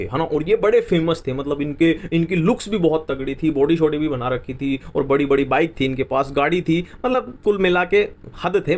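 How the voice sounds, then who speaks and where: A man teaching chemistry in an exam-prep lecture, telling a story as a memory trick, asking and answering his own questions and repeating key phrases. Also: fairly high pitch.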